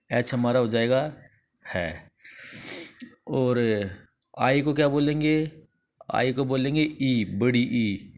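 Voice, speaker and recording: A man with an Indian accent teaching the English alphabet in a slow, repetitive lesson, asking a question and then answering it himself. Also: medium pitch. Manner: slow, repeats each answer after asking it.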